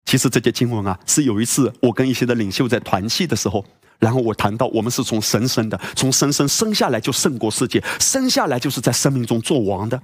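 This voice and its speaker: A man's voice: medium pitch, animated, fast talker, breathy edge. A male pastor preaching a sermon, emphatic and full of rhetorical questions and exclamations.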